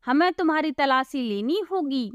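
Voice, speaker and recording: A woman voicing gruff male royal soldiers who question and accuse sternly. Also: high voice, lively intonation, moderate pace, no echo, highs cut off.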